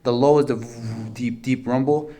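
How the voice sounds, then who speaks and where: A man with a mid-range, warm voice speaks at a normal speed with fairly even intonation. He's an instructor demonstrating audio gear in a casual hands-on tutorial, walking through each step in plain words and repeating the key points.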